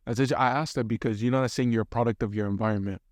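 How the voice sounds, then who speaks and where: A male podcast host interviews his guest, asking probing questions in a conversational way. He talks quickly at an ordinary pitch, and the recording sounds dry and close. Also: fairly even intonation, dry recording.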